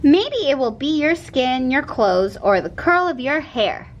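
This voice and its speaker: Higher-pitched woman reading a picture book aloud. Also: big pitch swings, measured pace, dull audio. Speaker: read-aloud narrator. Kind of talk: expressive children's picture book read-aloud. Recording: noticeable background noise with low rumble.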